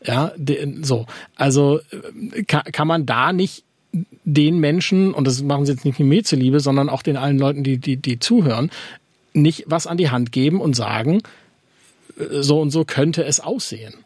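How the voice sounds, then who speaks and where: A man's voice: a little high, normal speed, darkish tone, husky, no room sound. Radio host man asking probing questions. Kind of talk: moderating a call-in discussion. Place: radio studio.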